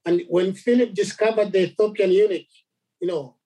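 Halting Zambian man preaching. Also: high-pitched, steady tone, warm tone, rough recording. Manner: halting, many repeated words and fillers. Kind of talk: sermon.

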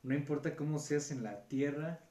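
A man's voice: on the high side, moderate pace, a crowd in the background. A man telling a story in casual, rambling chat, full of slang and filler words. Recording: roomy echo with faint background noise.

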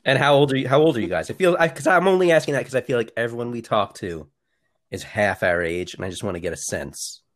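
A man's voice: medium pitch, fast talker. A middle-aged man who is a guest on a casual podcast, talking in a blunt, jokey way and teasing his co-host.

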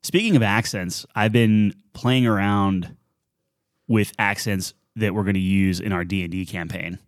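A man's voice: on the low side, steady tone, measured pace, dry recording, clean studio sound. A man co-hosting a podcast, joking and riffing loosely in casual chat. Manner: loose, joking, riffs and banter. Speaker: podcast co-host.

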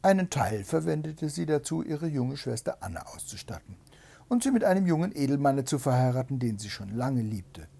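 A man reading a fairy tale aloud with dramatic, expressive narration. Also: medium pitch, a little fast, creaky, slightly rough. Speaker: storyteller.

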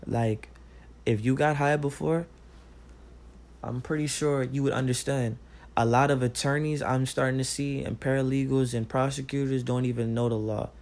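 A man's voice: mid-range voice, darkish tone. Man ranting casually, profane and rambling. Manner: profane, rambling, heated, repeats "like". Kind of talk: casual rant.

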